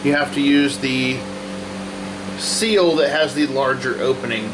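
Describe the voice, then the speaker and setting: At a measured pace and in a mid-range voice, the repair video host talks himself through each step in folksy, casual how-to style. He's working in a hot workshop where a fan runs, so a constant fan noise and steady hum sit behind his voice.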